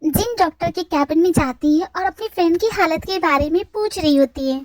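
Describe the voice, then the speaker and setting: High-voiced woman narrating a story. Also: fairly quick, a little mellow, dry recording. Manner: plain, matter-of-fact.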